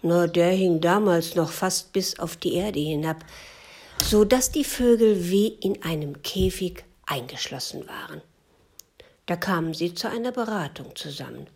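A woman storyteller telling a fable, often sinking into a hushed whisper. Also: fairly low pitch. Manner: slow, hushed, dropping to a whisper.

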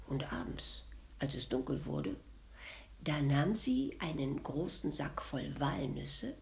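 Slow, hushed woman storyteller. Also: deep voice, vocal fry. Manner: gentle, often dropping to a hush. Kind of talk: fairy tale storytelling.

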